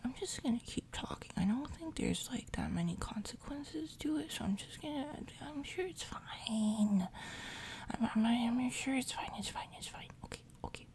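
An ASMR roleplay performer, recovering from jaw surgery, chats casually in a soft, breathy half-whisper, rambling and repeating words in quick runs. The audio is low quality, with steady machine noise in the background.

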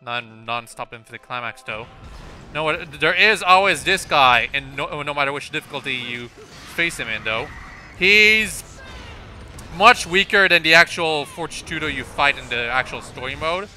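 An expressive young man with a voice on the high side gives loose, rambling let's-play commentary, bright and forceful at a moderate pace. Game music runs underneath while he corrects himself, restarts sentences, and leans on "uh" and "like."

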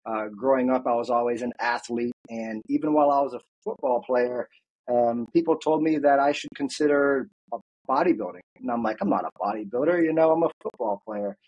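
A man in his thirties speaks as a guest over a video call, headphones on. His voice has a husky edge, and he recounts his path earnestly and thoughtfully, filling pauses with small fillers. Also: mid-range voice, expressive, a little mellow, highs cut off. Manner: earnest, reflective storytelling with frequent fillers. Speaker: guest, fitness coach. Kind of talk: casual interview. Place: home office, indoors.

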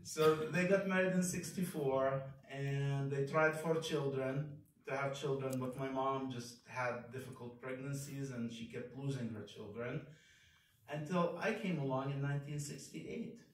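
A man's voice: medium pitch, fairly even intonation, unhurried. A man in his fifties, raised in Kuwait, giving a candid, self-deprecating personal testimony at a chapel pulpit. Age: 50s. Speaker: devotional speaker. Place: large chapel, speaking at a wooden pulpit. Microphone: far camera phone in the congregation. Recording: very echoey hall, voice from far off.

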